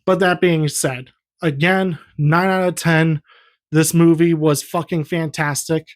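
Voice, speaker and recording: A man's voice: on the high side, fairly even intonation, a little slow. A young man giving a heated, profane, rambling movie review in a casual vlog. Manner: heated, profane, repetitive ranting.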